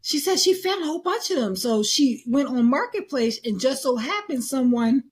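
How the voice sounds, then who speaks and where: A woman hosting a podcast, telling a story in a casual, animated way and acting out the quotes. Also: high voice, moderate pace, husky. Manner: animated, acts out quotes, laughs often. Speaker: podcast host.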